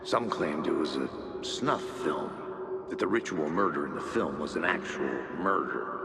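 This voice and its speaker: An actor playing a brooding adult male writer, narrating a dark mystery in a measured, somber way. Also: sits low, vocal fry, reverberant, in a large hall, background noise, exaggerated voice. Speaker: game narrator. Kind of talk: scripted noir narration.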